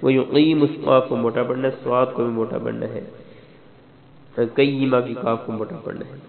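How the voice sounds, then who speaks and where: Gravelly man teaching recitation rules. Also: medium pitch, steady tone, a crowd in the background. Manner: slow, precise, spells out letter by letter. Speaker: Quran teacher. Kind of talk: tajweed lesson. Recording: tinny phone-like sound in an echoey room.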